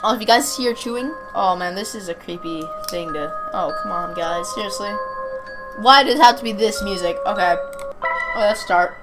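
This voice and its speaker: A young woman hosting a gaming video chats informally about a game and reads its text aloud, tripping over words now and then. Her pitch is medium and her pace normal. Loud music plays behind her in a clearly noisy amateur home recording.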